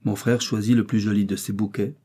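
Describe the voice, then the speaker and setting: A male audiobook reader with a lower, warm, mellow voice and a slightly husky edge reads nineteenth-century literary prose. His delivery is measured, steady, and even.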